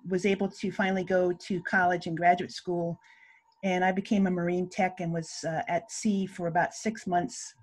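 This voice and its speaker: A woman's voice: lowish voice, a little mellow. A woman in her sixties, raised in Hawaii, speaking on a video call panel and hesitating often with filler sounds. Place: home room.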